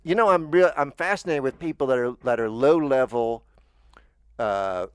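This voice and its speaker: A man's voice: medium pitch, normal speed, clean tone, no room sound. Podcast host, American man, chatty and rambling, dry close mic. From United States. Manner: rambling, chatty, with stammered restarts. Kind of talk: casual chat.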